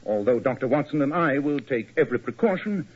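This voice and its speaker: A man's voice: mid-range voice, animated, close to an everyday voice. A man playing poised Sherlock Holmes. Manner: measured, polished, authoritative. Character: Sherlock Holmes, cool, precise detective. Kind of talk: 1940s radio acting. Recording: lo-fi 1940s radio broadcast.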